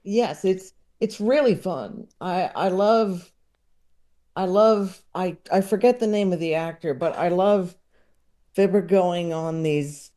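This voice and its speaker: Speaking slowly in a high, warm voice, this man is a comedy writer and filmmaker guesting on a podcast. He chats casually, rambling and hesitating, often poking fun at himself.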